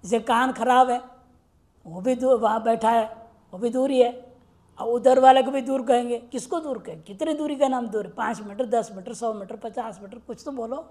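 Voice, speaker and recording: A woman with a somewhat high voice gives a grammar lecture. She poses questions to her class and slows right down to chant the Sanskrit rules word by word. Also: warm tone.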